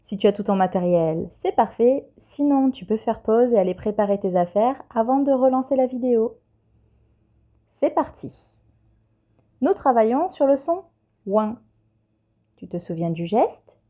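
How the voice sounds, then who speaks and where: A woman teacher, giving a patient, clear dictation lesson to young children and spelling letters one by one. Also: on the high side, lively intonation, unhurried, long pauses, warm tone. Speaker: primary school teacher.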